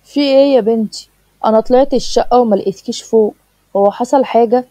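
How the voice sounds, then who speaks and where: A young fiancé tries to calm things down in an Egyptian accent, gentle but a little dismissive, as a woman reads the part. The tone is warm and on the high side, and the recording is dry. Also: fast talker, no room sound, lightly acted, rough recording. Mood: soothing. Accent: Egyptian Arabic. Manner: soothing, dismissive.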